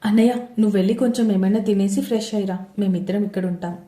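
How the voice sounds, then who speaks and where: A bossy young sister-in-law giving brisk orders in a mellow voice, as a woman narrator puts her on. Echo from the room hangs on every word. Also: medium pitch, steady tone, lightly acted.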